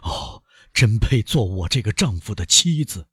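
A man's voice: fairly low pitch, big pitch swings, measured pace, a bit bright, slightly rough, no echo, studio quality, exaggerated voice. A man voicing an anguished, guilt-ridden middle-aged male prosecutor in an audiobook, with frantic, self-accusing outbursts. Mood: tormented. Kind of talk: audiobook character voice.

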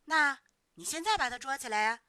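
A woman's voice: high-pitched, expressive, brisk, sharp tone, dry recording, studio quality. A woman voicing a skeptical know-it-all village boy who challenges another child in a storybook. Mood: doubting. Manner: doubting, challenging.

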